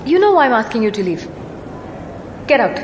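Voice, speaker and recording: A woman's voice: a little high, big pitch swings, very slow, heavily acted. A woman acting a composed, strict young college lecturer in a film, with an Indian accent. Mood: stern. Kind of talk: film dialogue, classroom lecturing. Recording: roomy, reverberant, noisy film audio.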